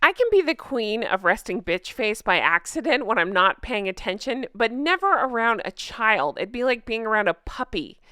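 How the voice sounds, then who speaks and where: A woman hosting an online recap show with animated, casual, sarcastic and gossipy chatty commentary. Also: a little high, normal speed, hardly any pauses, dry recording, studio quality. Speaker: YouTube recap show host.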